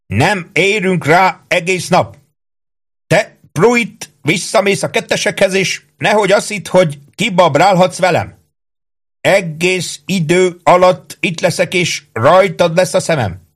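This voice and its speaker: A man's voice: sits high, husky, pitched above the performer's own voice. A man voicing a bossy, suspicious army sergeant who bellows orders in rustic, slurred speech.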